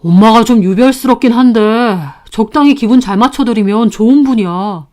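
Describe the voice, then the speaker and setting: An evasive young husband who brushes off complaints and defends his mother, spoken in a high voice, as a woman reads his lines in a dramatized story. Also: fairly quick, darkish tone, natural voice. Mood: defensive. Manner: defensive, dismissive.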